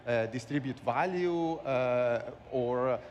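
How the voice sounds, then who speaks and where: A man giving remarks as a conference panelist, with a halting, searching delivery. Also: mid-range voice, a little mellow, muffled recording. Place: large conference hall. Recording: echoey hall, background noise.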